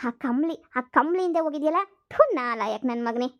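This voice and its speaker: A woman voicing an angry, sharp-tongued village wife in a cartoon comedy, cursing in a rapid tirade. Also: high-pitched, expressive, dry recording. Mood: furious scolding. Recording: slightly dull, dry dub.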